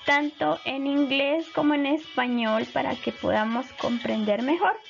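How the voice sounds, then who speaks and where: A woman teacher walks children through an English lesson at an unhurried, patient pace. Her voice sits high, and the audio is dull and lo-fi, with soft music in the background. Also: creaky. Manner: slow, patient explaining, switching between Spanish and English.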